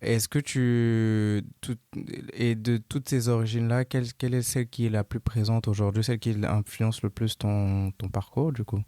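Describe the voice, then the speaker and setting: Hesitant man hosting a podcast, dark voice. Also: lowish voice, little pitch movement, moderate pace, hardly any pauses, no echo. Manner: hesitant, restarts questions often. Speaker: podcast host. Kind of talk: casual interview chat.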